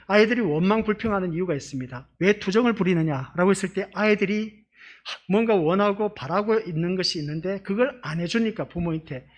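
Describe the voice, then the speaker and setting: A pastor giving a conversational sermon in a church, often asking the congregation rhetorical questions. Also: male voice, high-pitched.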